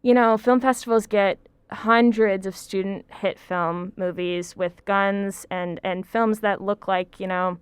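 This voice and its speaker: Thoughtful woman, very clear and dry. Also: mid-range voice, steady tone, unhurried, hardly any pauses, dry recording. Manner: thoughtful, hedging, with frequent ums and likes. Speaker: film lecturer co-hosting a podcast. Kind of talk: casual podcast discussion.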